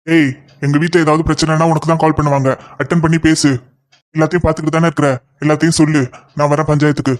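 A man voicing an impatient young lover in a cartoon, talking fast and insistently. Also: on the high side, little pitch movement, lightly acted. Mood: eager. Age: young adult. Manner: rapid, insistent scolding. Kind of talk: cartoon voice acting.

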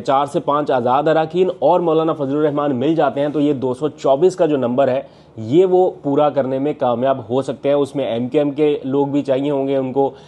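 With a voice on the high side and dark in tone, this young man from Pakistan vlogs political news from his home living room on a lapel mic. He speaks earnestly and analytically, saying "uh" often and gesturing with his hands.

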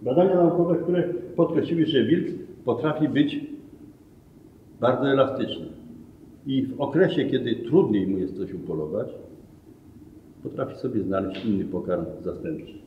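A man's voice: medium pitch, lively intonation, moderate pace, pauses often, a little hiss or hum. A middle-aged man guiding a museum talk, explaining things step by step and correcting himself now and then. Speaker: museum guide. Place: museum hall among glass display cases. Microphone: camera a few meters away. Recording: roomy, distant, phone-like thin sound.

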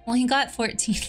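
A woman streamer chatting casually while she plays a game, playful, cutesy and quick to apologize. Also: high voice. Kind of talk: casual gaming livestream chat.

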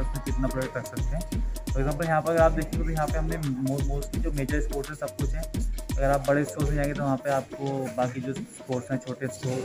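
A young man working at a sports store, helpfully explaining what the store sells. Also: mid-range voice. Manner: helpful, mixes English phrases into explanations. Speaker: store staff member. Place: large sports store, indoors. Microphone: phone camera close in front.

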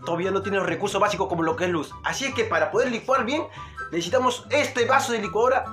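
A man's voice: high voice, quick pace, sharp tone, soft background music. A man with a Peruvian accent hosting a playful, jokey mock cooking show from his home kitchen. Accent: Peruvian Spanish. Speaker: comedic vlogger.

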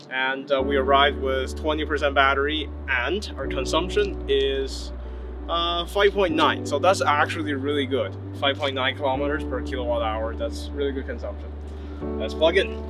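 Outdoors at highway rest stops and charging stations, a man in his thirties vlogs an electric car road trip, talking to the camera. He's relaxed and matter-of-fact, with lots of "uh" fillers. The camera mic picks him up at close to mid range, along with clear background noise.

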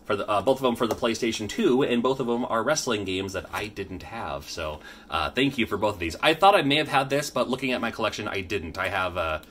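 Bright-voiced chatty dad vlogger. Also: male voice, fairly low pitch, expressive, fairly quick, a little hiss or hum. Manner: chatty, rambling, self-correcting. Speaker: YouTube host. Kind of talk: casual unboxing vlog. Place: home room with his kids.

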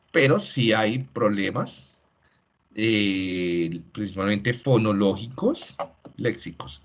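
A man giving an online class lecture and explaining step by step, often checking in with "¿sí?". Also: mid-range voice. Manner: explanatory, tags many lines with "¿sí?". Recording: dull lo-fi video call audio.

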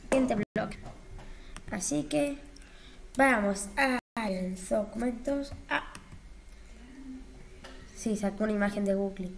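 A woman's voice: medium pitch, slow, vocal fry, pauses often, slight background noise. A young woman, chatting casually as she talks herself through editing block textures, with flustered exclamations. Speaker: YouTuber.

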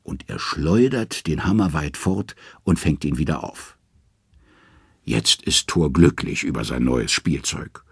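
A man narrating myths as a storybook reading, steady and expressive. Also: extremely low pitch, a little slow, vocal fry, slightly rough, no room sound, studio quality.

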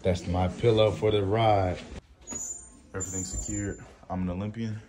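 A man's voice: low voice, fairly even intonation, moderate pace, noisy background. A young man who runs track, talking casually to his vlog camera in a joking, slangy way. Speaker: track athlete vlogger.

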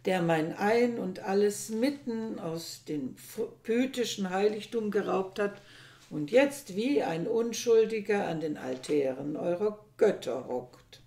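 A woman reading the part of a grieving old father who loudly accuses a young man, in impassioned outbursts. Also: mid-range voice, animated, slow pace. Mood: furious. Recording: echoey room.

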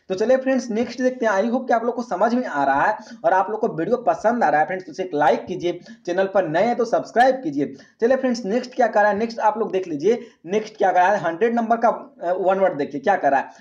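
Guy teaching vocab online, keeps asking friends what it's called, highish voice, kinda muffled audio. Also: darkish tone. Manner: repetitive question-and-answer teaching, asks "friends" often. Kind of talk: online exam-prep lesson.

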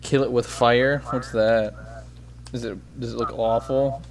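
A man's voice: medium pitch, measured pace, a crowd in the background. A man streaming a game, chatting casually and rambling, swearing a lot and mocking himself. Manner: profane, rambling, self-mocking. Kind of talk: casual gaming stream chat. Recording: steady background noise.

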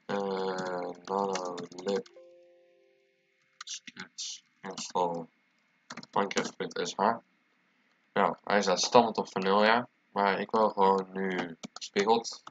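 A man's voice: deep voice, little pitch movement, slow pace, long pauses, over music. A man with a congested, stuffy-nosed voice, casually presenting a screencast tutorial as he types. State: congested with a cold, stuffy nose. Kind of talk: casual screencast tutorial, talking while typing. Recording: dull lo-fi mic, clear background noise. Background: keyboard typing and clicking.

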